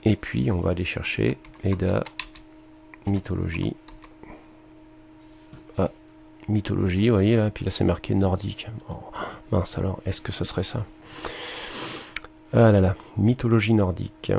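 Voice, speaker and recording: Low gravelly French male teacher. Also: fairly even intonation, normal speed, long pauses, warm tone. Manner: thinks aloud with fillers and mild exclamations. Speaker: music teacher. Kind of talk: screen-recorded lesson walkthrough.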